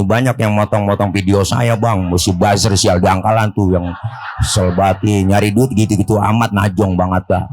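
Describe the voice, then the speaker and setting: A middle-aged man with a Betawi accent giving a comedic sermon at a religious gathering, joking with and teasing his audience in colloquial speech. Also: fairly low pitch. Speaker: Islamic preacher. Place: Prophet's birthday gathering in a village neighborhood.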